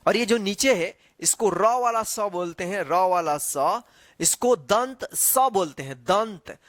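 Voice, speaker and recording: A man's voice: high-pitched, lively intonation, fairly bright tone, no echo. A man teaching the Hindi alphabet in an online lesson, reciting letters one by one and checking in often with the viewer. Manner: slow, drawn-out recitation with frequent check-ins; quizzing the viewer with repeated questions.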